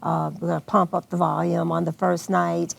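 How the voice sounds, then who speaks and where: A woman with an American accent speaks in a notably low, very creaky, gravelly voice. As a guest who organizes an arts festival, she answers questions in an unscripted television interview. Her delivery is flat and her speed normal.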